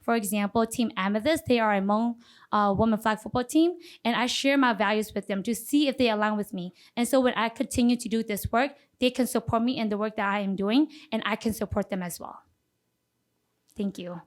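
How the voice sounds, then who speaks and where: Higher-voiced woman, pageant contestant answering formally. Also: brisk. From Minneapolis, Minnesota. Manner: pageant contestant delivery, formal and earnest, thanking before answering.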